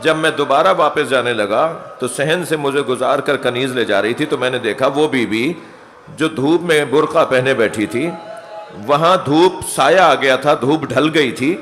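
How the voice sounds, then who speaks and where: A man, a cleric giving a mourning sermon, who tells stories with acted-out quotes and climbs from soft narration to anguished cries. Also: medium pitch, long reverb tail, slight background noise. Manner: recounts a story, acting out quoted voices. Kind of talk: Muharram majlis sermon.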